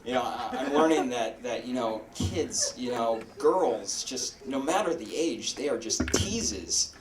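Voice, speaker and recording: A man's voice: medium pitch, animated, noisy background. A man doing a stand-up comedy set, talking with lots of fillers and restarts and speaking straight to people in the audience. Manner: halting, full of fillers and restarts; addresses audience members directly. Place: comedy club stage with live audience. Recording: roomy club recording, mic at a distance, crowd laughter. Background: audience laughter.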